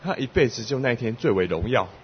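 A man interpreting a sermon phrase by phrase, repeating each line in plain steady wording in a church hall. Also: mid-range voice, fairly quick, breathy edge. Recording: lo-fi recording with long hall reverb.

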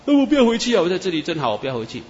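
A woman's voice: lowish voice, big pitch swings, racing, darkish tone, slight background noise, pitched above the performer's own voice. A man preacher voicing a tearful woman who pleads to stay in heaven. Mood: pleading. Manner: pleading, insistent. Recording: echoey muffled hall.

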